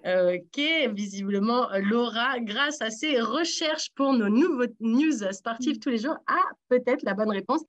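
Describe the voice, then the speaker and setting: A woman hosting a radio sports quiz in a lively, teasing way, encouraging the contestants. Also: on the high side, a little slow, few pauses. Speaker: quiz host.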